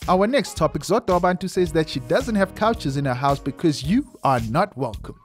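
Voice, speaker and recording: A man's voice: fairly high pitch, animated, normal speed, soft background music. A man hosting an online entertainment news show, reading headlines in a chatty way with light quips.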